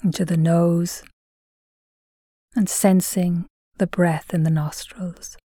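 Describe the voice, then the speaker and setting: A woman softly guides a mindfulness meditation, her measured, soothing voice drifting into breathiness, with long pauses between phrases. Her voice is on the low side, a little rough, and delivered flatly. The recording is dry and of studio quality.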